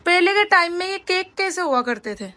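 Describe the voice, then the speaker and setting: High-voiced chatty young woman vlogger. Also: lively intonation, a little fast, pushed and bright, dry recording. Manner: chatty and rambling, addresses viewers directly. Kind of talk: casual vlog chat.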